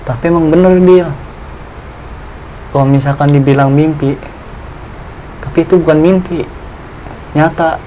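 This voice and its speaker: A man telling his own ghost experience in a casual, animated chat, acting out his friends' voices. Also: on the high side, a little slow, long pauses, a little hiss or hum, poor audio.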